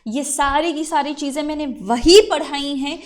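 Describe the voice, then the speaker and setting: A woman, giving a brisk, chatty exam revision lesson and switching between Hindi and English. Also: high-pitched. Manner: brisk, chatty, mixes Hindi and English, fillers like theek hai. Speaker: exam prep teacher.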